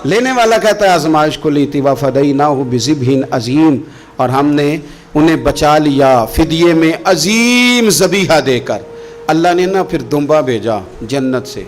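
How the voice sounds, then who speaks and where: High-voiced dramatic male preacher. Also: animated. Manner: dramatic storytelling, acts out quoted voices with sudden rises and drops; drawn-out chanted Quranic recitation. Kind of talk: emotional Urdu sermon.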